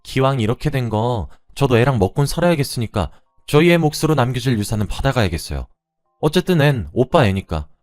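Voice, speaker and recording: Brief: man putting on a high, shrill young mistress, brazen and shameless, storybook-style. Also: sing-song, a little fast, darkish tone, no room sound, studio quality, faint music behind, close to an everyday voice. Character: brazen young woman, a dead man's mistress.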